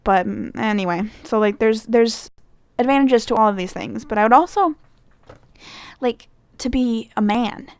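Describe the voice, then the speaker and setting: Her voice a little high, clean and free of room sound, a young Midwestern-accented vlogger from Michigan works through a fan questionnaire at a moderate pace. It's a casual, rambling chat packed with fillers and corrections of herself.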